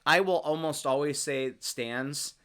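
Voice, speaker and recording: A young man co-hosting a casual sports podcast, talking in a measured, rambling way with frequent restarts. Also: a little high, crowd noise. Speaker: podcast co-host.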